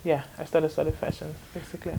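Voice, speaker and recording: A Danish fashion designer in her twenties speaks as an interview guest, relaxed and casual. Her voice is fairly low for a woman and gravelly, and she talks at a quick pace, often hesitating, restarting sentences and laughing lightly between thoughts. A little hiss or hum sits in the recording.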